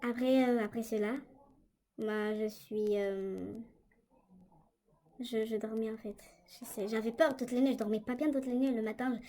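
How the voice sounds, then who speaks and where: A woman's voice: fairly high pitch, fairly even intonation, measured pace, warm tone. A young woman casually telling a story for her vlog, chatty and hesitant with many fillers, recorded on a tablet indoors. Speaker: vlogger. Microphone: tablet microphone.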